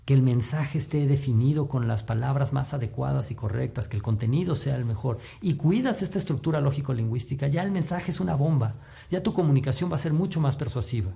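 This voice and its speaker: A man giving a recorded lecture on communication, explaining patiently and shifting his pitch up and down to demonstrate. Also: fast, vocal fry, mellow. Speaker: communication instructor.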